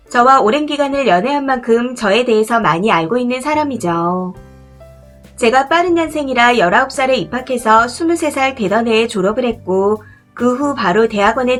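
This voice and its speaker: Woman reading a story in first person, kinda high voice, steady even delivery, quiet music behind. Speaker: story narrator. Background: faint background music.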